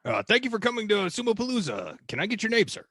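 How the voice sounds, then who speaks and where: A man's voice: sits high, wildly swooping pitch, fast, a bit bright, breathy edge, dry recording, studio quality. A man playing a confidently wrong sports reporter in a mock commentary.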